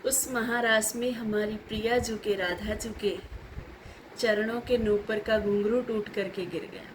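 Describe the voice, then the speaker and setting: A woman telling a devotional story as a sermon, in a lively way, acting out the dialogue. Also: medium pitch, a little slow, background noise.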